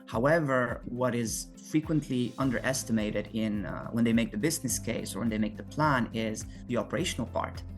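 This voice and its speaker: A man's voice: medium pitch, brisk, hardly any pauses, soft background music. A man from Romania, answering interview questions in an earnest, explanatory way with frequent restarts. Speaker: guest, solar company founder.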